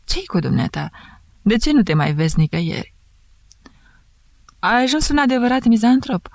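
A woman's voice: a little high, big pitch swings, gravelly, darkish tone, dry recording, pitched above the performer's own voice. A woman voicing a jovial male investigating judge who teases and mocks, with a thick voice. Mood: bantering. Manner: bantering, mocking.

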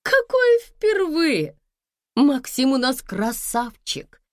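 A woman's voice: sits high, huge pitch swings, slow, dry recording, studio quality, pitched above the performer's own voice, heavily acted. A woman voicing a confident, mocking middle-aged wife who speaks with sarcastic scorn and keeps pressing her rival. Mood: scornful.

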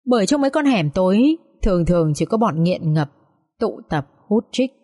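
A woman narrating a dramatic audiobook story with steady, expressive delivery. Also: medium pitch, moderate pace.

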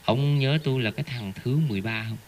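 A man's voice: medium pitch, quick pace, a little hiss or hum, natural voice. A man voicing a vengeful dying young man. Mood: accusing.

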